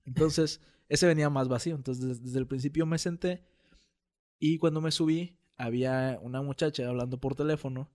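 A man with a northern Mexican accent from Monterrey tells a story in a casual podcast chat. His pitch sits in the middle range, and he is an animated storyteller who laughs often. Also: normal speed. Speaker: podcast host.

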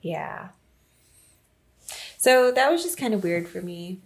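A young woman co-hosting a podcast, telling an animated story in casual chat and laughing often. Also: mid-range voice, slow pace. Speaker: podcast co-host.

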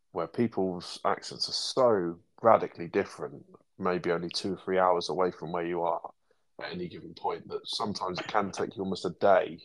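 Deep gravelly English man. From England. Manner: measured, asks questions. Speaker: podcast co-host. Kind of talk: casual chat.

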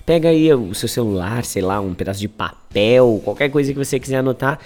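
A hoarse man from Brazil teaching English, drilling phrases with energetic, quick patter. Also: mid-range voice. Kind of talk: language lesson drills.

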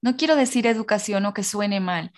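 A woman's voice: medium pitch, fairly quick. A woman hosting a podcast interview, asking empathetic follow-up questions. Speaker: host. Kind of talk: conversational interview.

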